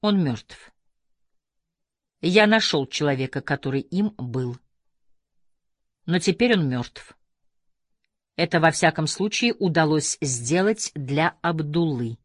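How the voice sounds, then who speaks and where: A narrator voicing a calm, soft-spoken older man, a crime boss giving quiet, measured orders in an audiobook. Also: a little high, no room sound, studio quality.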